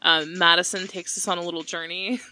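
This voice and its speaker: Bright, lowish-voiced woman in podcast chat. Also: level tone, fairly quick, a little hiss or hum. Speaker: podcast co-host. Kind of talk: casual group chat.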